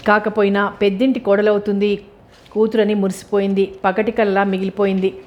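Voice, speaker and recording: A woman's voice: medium pitch, flat delivery, fairly quick, a little mellow, muffled recording, natural voice. A woman voicing a bitter older man who scolds and accuses.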